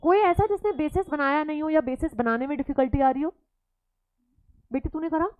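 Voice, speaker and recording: A woman's voice: high-pitched, fairly quick, dry recording, narrow, tinny audio. A woman teacher giving a classroom lecture, teasing and playfully scolding her students as she mixes Hindi with English.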